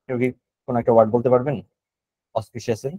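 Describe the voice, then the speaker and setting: A man with a Bangladeshi accent leads an online GRE vocabulary class in a relaxed, thinking-aloud manner. His voice sits at an ordinary middle pitch. It is picked up dry and close on a computer mic. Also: racing, dry recording, low-quality recording. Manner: casual and thinking aloud, mixing English words into Bengali explanations. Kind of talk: online vocabulary class, explaining word meanings.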